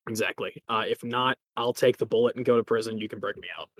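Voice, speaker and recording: A man's voice: mid-range voice, fairly even intonation, quick pace, fairly bright tone, no echo. A man playing a tabletop game, chatting casually with laughs and restarts. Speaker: player. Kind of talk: tabletop role-play chat.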